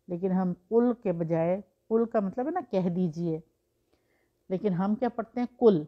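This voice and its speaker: A woman's voice: medium pitch, muffled recording. A woman teaching Quran recitation in a patient, explanatory way, using examples and rhetorical questions. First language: Urdu. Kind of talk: explanatory religious lesson.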